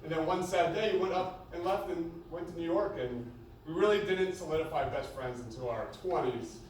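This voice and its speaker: A young man giving a humorous best man speech, joking and pausing between short phrases. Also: on the high side. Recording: echoey venue, distant mic, noisy background.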